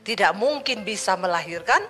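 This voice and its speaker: A woman's voice: medium pitch, expressive, moderate pace, pushed and bright, in a large hall, faint music behind, voice pushed down. A woman preacher voicing an aged wife who bluntly doubts her husband and sounds exasperated.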